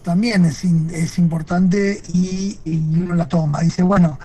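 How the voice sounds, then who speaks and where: A man's voice: high-pitched, steady tone, measured pace, warm tone. A man giving interview answers over a video call, speaking thoughtfully with frequent fillers and restarts. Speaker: guest photojournalist.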